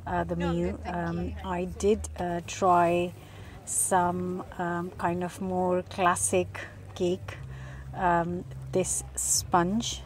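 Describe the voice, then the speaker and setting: Unhurried middle-aged woman, hesitant vlog narration. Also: fairly low pitch, monotone. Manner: hesitant, unscripted delivery with frequent ums and pauses. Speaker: food vlogger and cookbook author. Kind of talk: casual vlog voice-over narration. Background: music behind the voice.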